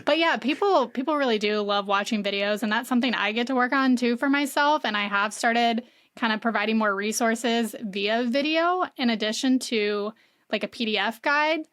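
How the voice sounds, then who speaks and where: Woman guest on a podcast, kinda high voice, says like a lot, dry recording. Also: normal speed, fairly bright tone, no echo. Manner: casual, frequent "like" fillers. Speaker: marketing consultant guest. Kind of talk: conversational interview.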